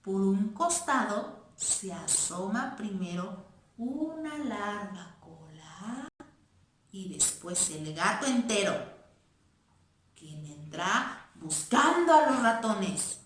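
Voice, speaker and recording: A woman primary school teacher reading a play aloud to children in an expressive way, in an echoey room. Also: medium pitch, slow, slight background noise. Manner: expressive, addressing children directly.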